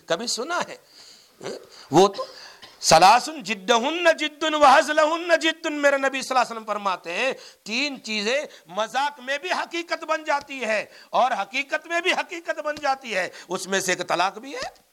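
A man, an Islamic scholar who teaches at a madrasa, giving a religious lecture on points of Islamic law. He tells cases as stories and acts out the quoted dialogue, with sudden swings in loudness, and recites Arabic sayings slowly and emphatically. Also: very high-pitched, animated.

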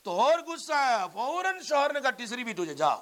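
An Islamic scholar who teaches at a madrasa lectures on points of Islamic law, telling cases as stories and acting out the quoted dialogue with sudden jumps in loudness. His voice is very high and sing-song, and he recites Arabic sayings slowly and with emphasis.

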